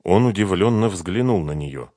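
Male audiobook narrator, low quiet delivery, dry close recording. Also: expressive, normal speed, no room sound. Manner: low, subdued narration of dialogue tags. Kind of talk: scripted narration.

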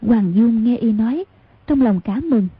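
Husky woman with a tinny recording. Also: fairly high pitch, no echo. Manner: even, measured reading, voicing each character. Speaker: audiobook narrator. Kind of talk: scripted storybook narration. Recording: tinny phone-like audio, dry.

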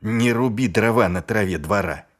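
Guy putting on a sly gruff cop boss, mock innocent, lowish quiet voice. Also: normal speed, natural voice. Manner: mock-innocent, dry and menacing. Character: gruff sly middle-aged male watch commander.

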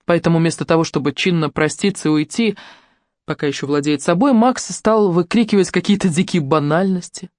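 Audiobook narrator, measured and steady, close dry mic. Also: mid-range voice, dry recording.

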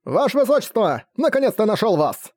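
A man voicing a young male messenger soldier who delivers an urgent report in a hurried rush, in an audiobook. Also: high-pitched, sing-song, darkish tone, dry recording, studio quality, pitched above the performer's own voice.

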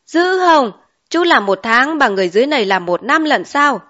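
A woman doing a talkative country mother of five, chatty and quick to exclaim, in a slightly high voice. Heard in a storybook reading on a dull lo-fi recording. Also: lively intonation, fairly bright tone.

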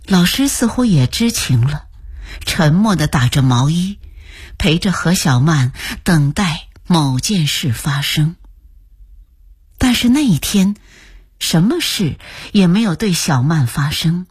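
Slow, breathy woman telling a story. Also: sits low, lively intonation, no room sound, clean studio sound. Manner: slow, hushed reading that often sinks to a whisper. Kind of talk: scripted narration for a radio story program.

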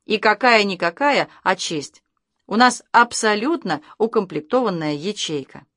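A woman's voice: mid-range voice, animated, unhurried, a bit bright, dry recording, clean studio sound. A woman voicing a fussy, bewildered father in a storybook reading, with an exasperated, blustering manner.

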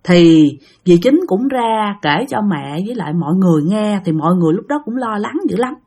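A woman's voice: mid-range voice, expressive, brisk, dark tone, husky. A woman with a Southern Vietnamese accent retelling a ghost story in a conversational way, speaking directly to her listeners.

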